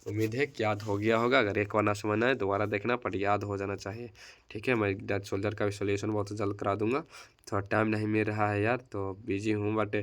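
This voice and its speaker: A man's voice: on the low side, level tone, brisk. A young man teaching an English poem in Hindi, drilling exam answers by chanting key terms over and over and mixing English words into his explanations. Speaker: coaching center teacher.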